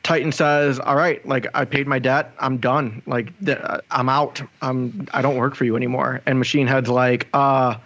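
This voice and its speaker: A man's voice: medium pitch, level tone, moderate pace, few pauses, fairly bright tone, muffled recording. A man co-hosting a podcast, eagerly recapping a TV episode with many likes and ums. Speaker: podcast co-host. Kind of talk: casual recap chat.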